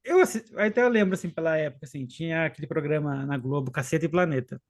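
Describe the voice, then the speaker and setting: Slightly high-voiced, this southern Brazilian man from Rio Grande do Sul, in his late thirties and with a faint gaúcho accent, shares a personal story in a casual podcast conversation where he's guest and co-host. He takes his time, halts, restarts frequently, and lets asides trail away.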